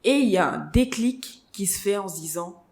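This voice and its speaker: A woman guest on a podcast interview, telling her own career story in a lively conversational way and acting out what others said to her. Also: mid-range voice, normal speed. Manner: lively storyteller who acts out quoted voices. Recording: roomy echo.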